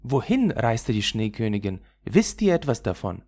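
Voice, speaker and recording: A man voicing a gentle, frightened little girl in a fairy tale, with a timid, pleading manner. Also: fairly low pitch, big pitch swings, normal speed.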